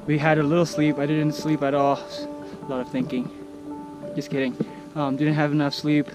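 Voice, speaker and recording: A young man talking excitedly to his viewers in a casual vlog from a mountain summit outdoors, repeating himself as he points things out. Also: fairly high pitch, normal speed, music in the background. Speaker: vlogger.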